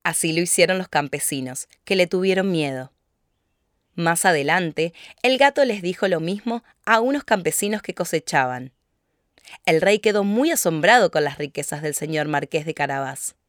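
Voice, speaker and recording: A woman narrating a children's fairy tale in a steady, clear telling. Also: on the low side, moderate pace, no echo, clean studio sound. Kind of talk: storybook narration.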